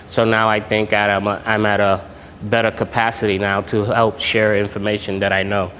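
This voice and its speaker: A lower-voiced man speaks informally to a room, often pausing on filler sounds and restarting his sentences. His voice carries the long echo of a hall, with faint background noise. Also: little pitch movement, a bit bright. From Puerto Rico. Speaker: military veteran speaking at a networking event. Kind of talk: informal public talk. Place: event room.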